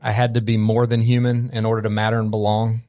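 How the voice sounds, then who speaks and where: Guesting on a reflective podcast, a coach from Memphis, USA, talks quickly in a fairly low, warm voice with completely flat delivery. He is earnest and thoughtful and often restarts sentences, recorded in clean studio sound with no room noise.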